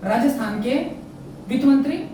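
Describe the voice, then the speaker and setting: A man teaches current affairs for an exam in a very high-pitched, warm voice at a normal pace. Questions he asks himself get his own answers, each fact gets repeated, and "theek hai na" comes up often. The room echoes heavily, the mic sits far off, and a faint noise is present.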